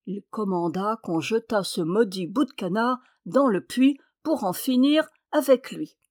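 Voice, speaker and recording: A woman reading a fairy tale aloud in a lively, expressive way. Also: mid-range voice, measured pace, no room sound, clean studio sound. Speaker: storyteller.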